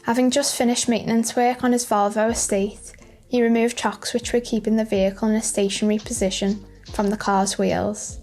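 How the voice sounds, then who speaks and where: A woman's voice: fairly high pitch, level tone, fairly quick, a little mellow. A woman reading scripted narration for light news video clips. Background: music.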